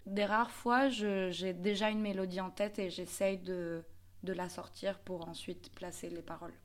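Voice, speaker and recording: A woman's voice: lowish voice, fairly even intonation, moderate pace. A woman, a singer-songwriter answering interview questions thoughtfully, often searching for her words. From Mexico. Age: 30s.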